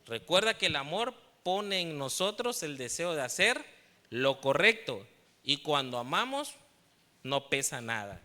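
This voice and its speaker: In a church, a man with a Mexican Spanish accent preaches a sermon, sharing personal testimony and asking the congregation questions. His slightly high voice is very animated at a measured pace, with big-room sound and loud music behind him.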